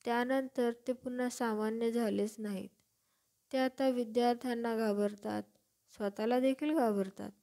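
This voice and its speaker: A woman voicing a huge, kindly male gamekeeper who talks loudly and plainly. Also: fairly high pitch, fairly even intonation, normal speed, creaky. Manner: loud, homely and plain-spoken.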